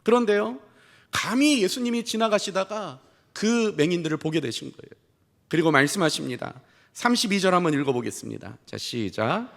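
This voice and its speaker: High-voiced male pastor in a reverberant church. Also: animated, normal speed, gravelly. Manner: storytelling sermon that acts out dialogue and asks the congregation questions. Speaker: senior pastor. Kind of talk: sermon. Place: church sanctuary. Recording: long church hall reverb.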